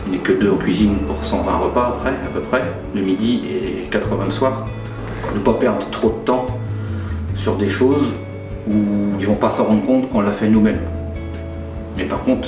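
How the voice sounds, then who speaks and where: A care-home head chef in his forties from Nantes, western France, talks informally and plainly about his job in an interview. His voice is fairly low and his pace normal. He is recorded off-mic in a roomy space, his voice sitting under clear background music.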